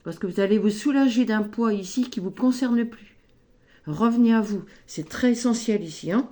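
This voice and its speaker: A woman giving a spoken tarot card reading, slow and gently encouraging, often adding little tags as she goes. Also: a little high. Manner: slow, gentle, encouraging, frequent "hein" and "ici".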